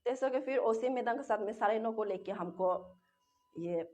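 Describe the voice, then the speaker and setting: In a dull lo-fi recording, a young interviewee from Arunachal Pradesh in Northeast India gives a distressed personal account, rambling and repeating herself. Her voice is somewhat high and a little mellow at a moderate pace, and a local language is her first tongue.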